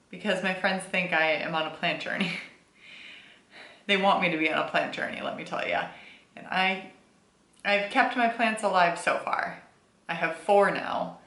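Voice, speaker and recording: A woman's voice: medium pitch, unhurried, pauses often, pushed and bright. Chatty young woman in an echoey room. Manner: bubbly, chatty, with slangy asides and laughs. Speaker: book vlogger. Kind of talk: casual vlog chat. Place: home, indoors.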